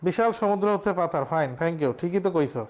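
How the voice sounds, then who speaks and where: A man's voice: fairly high pitch, fast, darkish tone. A male teacher, explaining exam questions step by step and quizzing his students. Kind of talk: exam-prep lesson.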